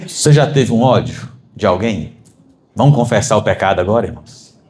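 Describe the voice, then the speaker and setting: A man's voice: fairly low pitch, fairly quick. A Brazilian man preaching a sermon to his congregation, calling them brothers and climbing to emphatic peaks. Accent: Brazilian Portuguese. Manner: animated, rising to emphatic peaks. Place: church.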